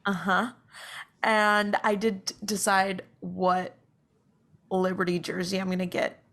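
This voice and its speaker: A woman's voice: medium pitch, level tone, takes it slowly, a bit bright. A woman co-hosting a podcast over a video call, chatting casually in a bubbly, giggly way. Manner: bubbly and giggly, says she is on a roll. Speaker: podcast co-host.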